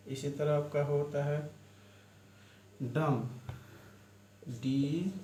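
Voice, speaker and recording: A man's voice: mid-range voice, warm tone. A man teaching a shorthand lesson online, explaining step by step and spelling words out letter by letter. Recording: echoey room with faint ambient noise.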